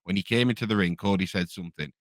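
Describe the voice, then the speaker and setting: A man's voice: deep voice, rapid-fire, no echo, studio quality. A man chatting casually as an opinionated wrestling fan, enthusiastic and rambling. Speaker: wrestling podcast commentator.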